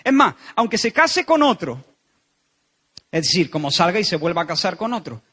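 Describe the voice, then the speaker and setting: A male pastor with a Spanish accent from Spain delivers an earnest sermon. His voice sits high for a man and has a husky edge. He presses points home through emphatic repetition. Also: sing-song, normal speed, bright, forceful tone.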